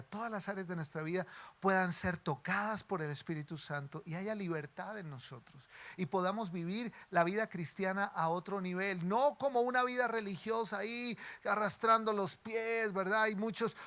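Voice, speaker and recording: A man with a Colombian Spanish accent, a pastor preaching a sermon in an animated way and acting out pleading prayers. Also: sits high.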